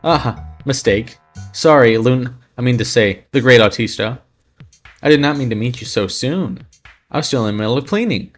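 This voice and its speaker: An eager, childlike little alien speaks slow, broken English with odd phrasing, as a man puts it on. It talks in a deliberate, halting way, with faint music behind it. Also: medium pitch, animated, natural voice.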